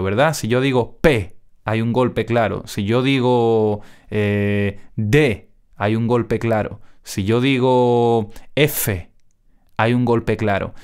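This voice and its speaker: A man teaching audio mixing in a casual spoken tutorial, with crisp careful diction and frequent check-ins with the listener. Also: medium pitch.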